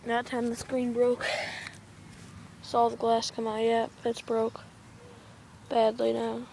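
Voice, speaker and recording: Speaking slowly in a gravelly, monotone mid-range voice, an amateur filmmaker offhandedly describes what he's doing in a yard next to a street. The homemade camcorder recording carries a lot of noise.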